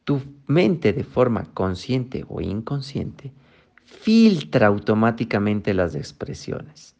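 A man's voice: lowish voice, very animated, slow pace, a little mellow. A man giving a motivational talk. He speaks emphatically, posing rhetorical questions and then answering them.

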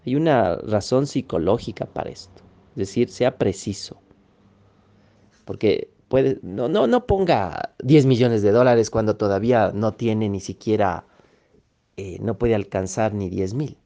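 A man's voice: lowish voice, animated, a little slow, warm tone. A man giving a motivational lecture, emphatic, repeating key phrases and checking in with his listeners. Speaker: motivational speaker.

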